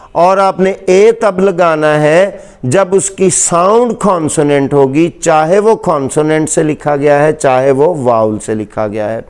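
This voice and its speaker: A man's voice: on the high side, a little mellow, clean tone. A man with a Pakistani Urdu accent teaching English grammar in a lecture, patiently repeating examples and asking rhetorical questions.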